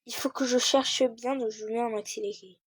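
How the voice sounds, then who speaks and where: A woman's voice: on the high side, fairly even intonation, normal speed, husky. A teenage girl giving a casual screen-recorded game tutorial, hesitating often with fillers while she searches.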